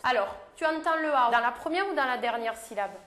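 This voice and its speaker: A woman's voice: high-pitched, expressive, brisk, crowd noise. A woman teaching young children in class, speaking patiently, prompting with questions and repeating their answers back. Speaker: primary school teacher.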